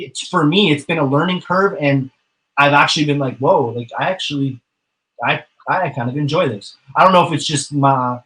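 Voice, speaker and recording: A man with a fairly high, pushed and bright voice chats casually at normal speed as an interview guest, heard on a rough recording. He rambles, filling his talk with frequent fillers and the occasional curse.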